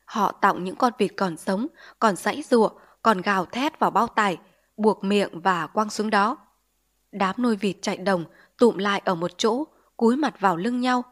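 A woman narrating a literary story in a measured, sorrowful way. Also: medium pitch, a bit bright.

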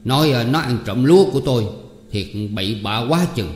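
A man voicing a gruff, quick-tempered farm foreman in a storybook reading, in an echoey room. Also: mid-range voice, animated, close to an everyday voice. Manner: gruff, accusing. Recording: echoey room, long reverb.

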